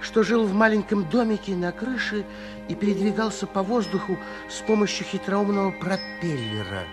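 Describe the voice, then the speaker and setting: A man narrating a 1950s radio fairy tale as a kindly storyteller, gentle and expressive. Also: high voice, normal speed, music in the background. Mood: dreamy, unhurried. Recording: 1950s radio drama recording.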